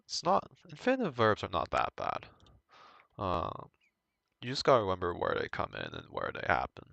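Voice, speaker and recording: A young man giving an informal language lesson, thinking aloud in a halting way and correcting himself as he goes. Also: low voice, huge pitch swings, gravelly, fairly bright tone, dry recording. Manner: hesitant, halting, self-correcting. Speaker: language tutor.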